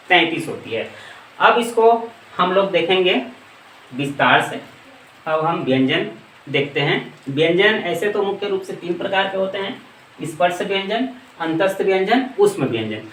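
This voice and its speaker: High-voiced man teaching in an echoey room. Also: fairly bright tone, recorded from a distance, a little hiss or hum. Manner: asks rhetorical questions and answers them himself; recites letters slowly one by one. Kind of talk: grammar lesson.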